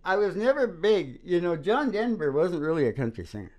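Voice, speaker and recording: A singer-songwriter hosting his own music show chats between country songs in a high, sing-song voice with a darkish tone. He talks fairly quickly, rambling and joking at his own expense.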